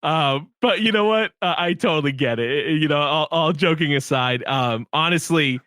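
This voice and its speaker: A man's voice: fairly high pitch, normal speed, bright, forceful tone, no room sound, clean studio sound. A young man as a podcast guest, chatting animatedly and emphatically, laughing often. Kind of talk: casual podcast chat.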